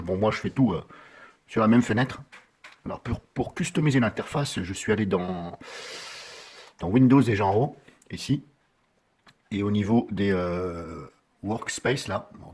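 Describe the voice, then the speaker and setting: Casting note: man, lowish husky voice, chatty screen-capture tutorial, loose and self-correcting. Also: darkish tone. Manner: rambling, corrects himself often, many fillers. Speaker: software tutorial maker. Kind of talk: casual screen-recorded software tutorial.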